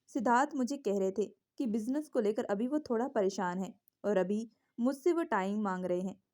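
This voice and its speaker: A scheming young woman whines and complains, sly underneath, as a woman reads her in a storybook. The voice stays warm and dark. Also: mid-range voice, normal speed, natural voice. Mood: complaining.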